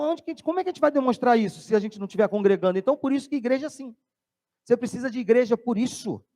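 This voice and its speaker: A man preaching a sermon as pastor, animated, dropping his voice low when he tells a story. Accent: Brazilian Portuguese. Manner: animated preaching, drops voice low to tell stories.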